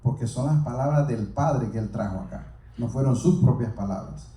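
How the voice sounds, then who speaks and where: A man's voice: medium pitch, moderate pace, mellow. A man preaching a sermon, speaking earnestly and repeating himself as he addresses the congregation directly. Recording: roomy echo, mic far off.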